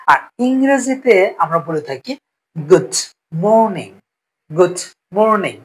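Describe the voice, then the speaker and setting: A man's voice: sits high, big pitch swings, poor audio. A man teaching a spoken English lesson, explaining patiently and repeating each phrase with frequent check-ins. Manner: explains slowly, repeats phrases, often asks "ঠিক আছে?".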